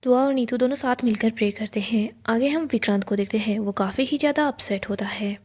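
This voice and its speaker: A woman's voice: on the high side, fairly quick, slight background noise. A woman narrating a casual scene-by-scene recap of a TV serial, quoting the characters' lines in her own voice. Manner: steady retelling, quotes dialogue in her own voice.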